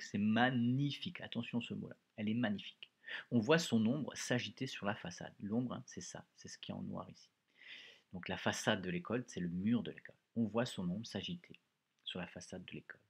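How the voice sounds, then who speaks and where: A man's voice: lowish voice, fairly quick, gravelly, husky. A male teacher leading a reading lesson for pupils, explaining words patiently and repeating phrases.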